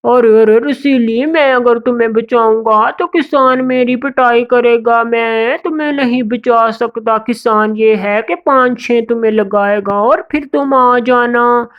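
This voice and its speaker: A woman voicing a greedy, cowardly male cartoon crow who brags and talks fast. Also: a little high, lo-fi sound, lightly acted. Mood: boastful. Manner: boastful, cowardly, fast-talking.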